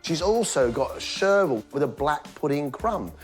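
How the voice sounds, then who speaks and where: A man with a British accent, a cooking competition judge, giving measured, emphatic voice-over commentary on the dishes. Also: on the high side, sing-song, soft background music.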